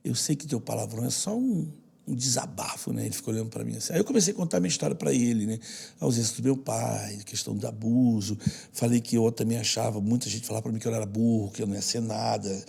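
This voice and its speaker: A man from Brazil, a podcast guest, telling personal stories in an earnest, heartfelt way and sometimes dropping to a soft hush. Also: lowish voice, fairly even intonation, fast talker. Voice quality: gravelly and very husky. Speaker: podcast guest, social project leader. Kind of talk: personal storytelling in conversation.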